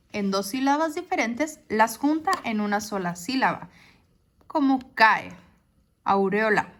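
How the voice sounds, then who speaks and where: Spanish-speaking teacher who keeps asking ¿sí?. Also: female voice, a little high, fairly bright tone. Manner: explains step by step, often asks ¿sí? to check. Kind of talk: classroom lesson on poetry.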